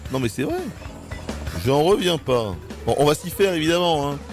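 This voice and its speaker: A man's voice: expressive, moderate pace, over music. Man ranting on a game stream. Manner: exasperated ranting, swearing, high-pitched outbursts. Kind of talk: live gaming stream commentary.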